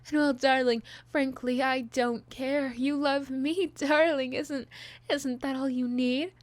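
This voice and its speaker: Breathy, unhinged yandere girl, ASMR role-play. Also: a little high, fairly even intonation, no room sound. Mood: possessive, menacing. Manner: unhinged, clingy villainess, slow drawn-out delivery with breathy hushed stretches. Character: possessive, obsessive young monster girl lover, unhinged yandere.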